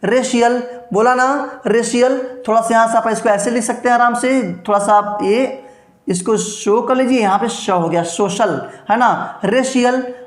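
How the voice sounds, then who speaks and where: A man's voice: very high voice, measured pace, echoey room. A man teaching a basic English lesson, explaining word sounds and meanings, constantly asking questions and answering them, and encouraging his students. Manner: drills words with repeated questions and answers; encouraging, promises and blessings to students.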